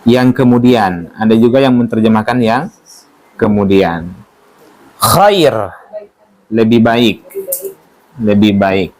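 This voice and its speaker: A man's voice: on the low side, slow, pauses often, a little mellow. A man teaching a religious study class, talking informally, joking and asking his listeners questions. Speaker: Quran teacher.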